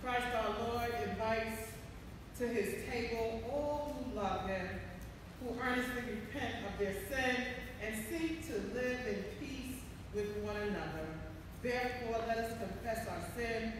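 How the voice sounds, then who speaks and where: A woman leading formal church liturgy in a measured, solemn way, her voice echoing through a large sanctuary. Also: a little high. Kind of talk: formal responsive liturgy reading. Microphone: far camera in the room. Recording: echoing church hall, distant mic, noisy.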